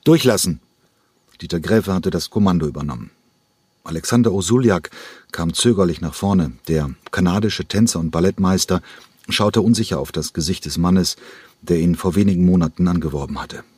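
A man reading a thriller audiobook in a measured, dramatic way. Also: sits low, darkish tone, breathy edge, dry recording. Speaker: audiobook narrator. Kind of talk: scripted thriller narration.

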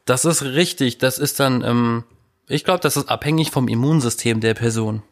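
A man's voice: mid-range voice, normal speed. A man with a cold and sore throat, chatting casually and telling jokey home-remedy stories. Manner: joking, animated storytelling. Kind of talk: casual chat.

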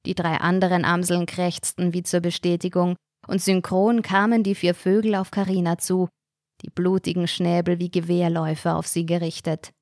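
Woman, storyteller, lowish voice, measured and suspenseful, dry close mic. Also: flat delivery, a little mellow, no echo. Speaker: podcast narrator. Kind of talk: scripted story narration.

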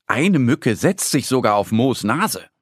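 Slow, lively man reading a children's story. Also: medium pitch, husky, no echo, studio quality. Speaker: narrator.

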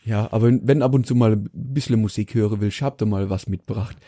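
Male co-host, 30s, mellow tone, anecdotal and chatty. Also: on the low side, fast talker, dry recording, studio quality. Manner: rambling anecdotal storyteller, laughs often. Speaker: podcast co-host. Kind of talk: casual chat.

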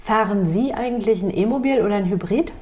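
A woman's voice: medium pitch, quick pace, darkish tone. A woman interviewing a guest, asking direct, conversational questions.

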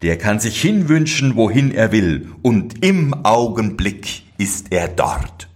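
A man's voice: lowish voice, sing-song, slow pace, exaggerated voice. A man doing two blunt, simple giants. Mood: quarrelsome.

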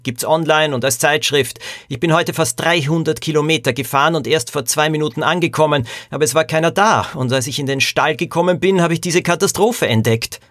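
A man's voice: a little high, fairly bright tone, no room sound, studio quality, pitched above the performer's own voice, close to an everyday voice. A man voicing a chatty young reporter.

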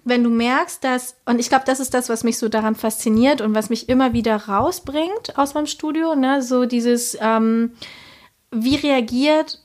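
A woman from Chile with a slightly raised voice talks about her art in a casual interview. She muses aloud, pausing on fillers and tagging her sentences with little questions. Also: a little high, steady tone, darkish tone. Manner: reflective, many fillers and trailing "ne?". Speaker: painter, muralist guest.

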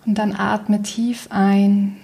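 Soft, half-whispering woman guiding meditation, very unhurried. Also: medium pitch. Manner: soft, breathy, near-whispered delivery; calm and soothing, with long pauses. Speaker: guided meditation leader. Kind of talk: guided meditation.

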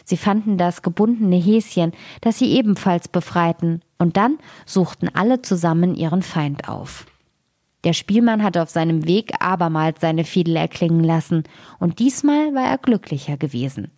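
A woman reads a fairy tale aloud for a radio station's podcast. Her voice is lowish, and she keeps a calm, even storytelling pace. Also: moderate pace.

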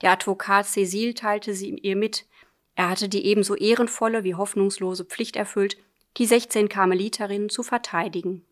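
A woman reads a literary story aloud in the voice of a letter writer. Her delivery is measured and earnest, speaking to a close friend. Her pitch sits in the middle range. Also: fairly even intonation. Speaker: audiobook reader. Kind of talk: literary audiobook narration, letter form.

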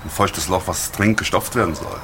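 A woman's voice: a bass voice, fairly quick. A woman playing a sly second craftsman in a comedic advert, dropping dry innuendo, with noisy ambience behind.

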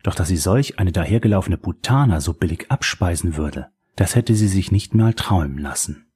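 A man narrating a crime novel as an audiobook, in a steady, measured reading voice. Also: low-pitched, husky.

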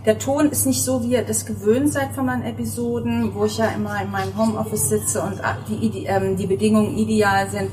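Recorded poorly on a distant mic, this podcast host has a mid-range, fairly even voice and talks briskly with hardly any pauses. She's a middle-aged woman interviewing someone casually on an outdoor terrace, full of fillers and restarts. Passing people and cars can be heard, with intro music at the start.

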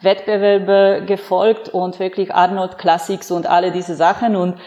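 A woman's voice: lowish voice, flat delivery, measured pace, dark tone. A woman fitness trainer interviewed as a podcast guest, chatting in an earnest, storytelling way.

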